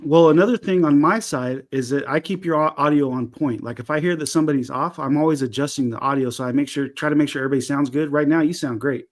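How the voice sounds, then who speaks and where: A soft-spoken man hosting a casual group chat, speaking close to his microphone. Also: on the high side, quick pace, few pauses. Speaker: host.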